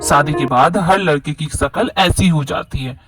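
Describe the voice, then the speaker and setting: A woman's voice: sits low, a little slow, music in the background, voice pushed down. A woman voicing a jokey male friend who gives tongue-in-cheek advice. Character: deep-voiced older male drinking buddy.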